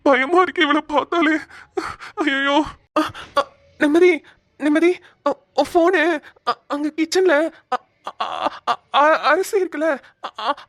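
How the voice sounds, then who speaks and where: A woman's voice: high-pitched, fairly bright tone, no echo. A woman voicing a sleepy, easily scared young husband in a cartoon, whiny and stammering when frightened. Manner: whiny, teasing banter. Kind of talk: cartoon voice acting.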